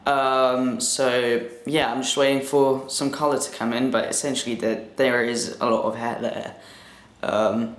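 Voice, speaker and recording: A man's voice: mid-range voice, little pitch movement, measured pace. A man chatting casually to camera as a vlogger, upbeat and laughing often, his voice cracking now and then. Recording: echoey room.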